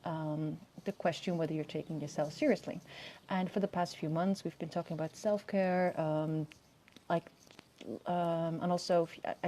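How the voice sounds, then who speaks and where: A woman in her early thirties talking casually to camera outdoors in the open air, softly and in a hesitant, rambling way with self-corrections. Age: early 30s. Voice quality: low, soft-spoken voice. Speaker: video host.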